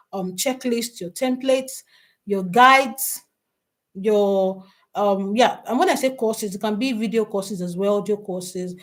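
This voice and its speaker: A woman runs a live online lesson. She talks in a chatty, lively way, laughs often and greets viewers one by one. Her voice sits a little high. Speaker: online workshop host. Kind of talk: live online teaching session.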